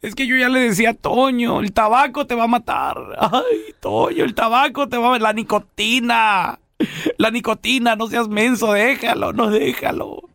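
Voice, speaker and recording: A man's voice: normal speed, creaky, a bit bright, no echo, clean studio sound, exaggerated voice. A man voicing a wailing, grieving older mother, crying as she speaks. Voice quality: crying, high-pitched.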